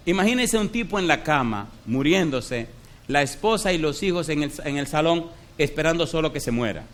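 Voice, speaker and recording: A man's voice: fairly high pitch, expressive, normal speed. A male pastor preaching a sermon, telling a story and firing rhetorical questions at the congregation.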